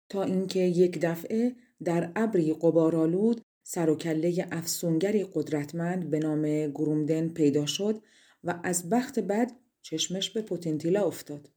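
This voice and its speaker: A woman from Iran narrating a fairy tale audiobook in a measured storytelling manner. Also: fairly low pitch, mellow.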